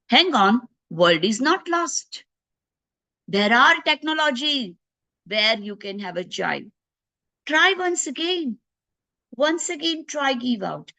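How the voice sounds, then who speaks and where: A woman's voice: a little high, sharp tone. A woman physician giving an informal health talk, explaining patiently and voicing what patients might think to themselves. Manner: unhurried and explanatory, voicing patients' inner thoughts.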